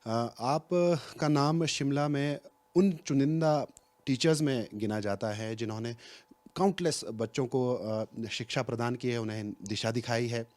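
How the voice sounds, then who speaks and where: A man's voice: mid-range voice, measured pace, darkish tone. Polite male TV interviewer. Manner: polite, respectful, long framed questions. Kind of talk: formal interview questions.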